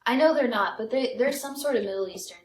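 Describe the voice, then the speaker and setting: Expressive and quick, with a slightly high voice, this young adult American woman tells personal stories and chats loosely as a comedy podcast co-host. There's background noise, and the podcast audio is roomy with echo.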